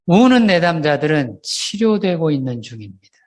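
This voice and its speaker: An older man preaching in a church, his voice sitting a little high for a man. He keeps putting questions to the listeners and hammers points home by repeating phrases, in the manner of a seasoned pastor and counselor. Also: sing-song, normal speed. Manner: rhetorical questions to the congregation, builds through repetition. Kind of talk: sermon.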